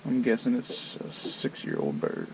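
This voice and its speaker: A man's voice: mid-range voice, expressive, a little slow, gravelly, darkish tone, a little hiss or hum, low-quality recording. A man in amused, casual chat with a hunting companion outdoors.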